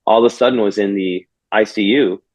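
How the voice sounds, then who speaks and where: A man's voice: lowish voice, fairly quick, a little mellow, low-quality recording. A man, a pastor, telling a personal story in an interview, earnest and reflective, often restarting his phrases. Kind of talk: conversational storytelling.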